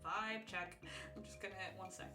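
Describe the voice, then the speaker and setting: A woman's voice: mid-range voice, steady tone, a little fast, roomy sound. A woman player chatting casually, giggly and talkative. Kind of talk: casual chat.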